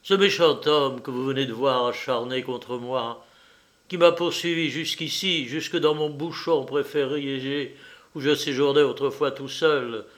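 A man reading an audiobook, voicing a tall, pale, melancholy man who speaks gravely and earnestly. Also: medium pitch, natural voice. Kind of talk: audiobook character voice.

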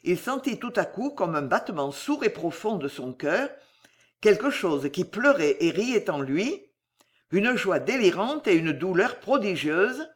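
A narrator giving a dramatic, expressive reading of a classic novel. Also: medium pitch.

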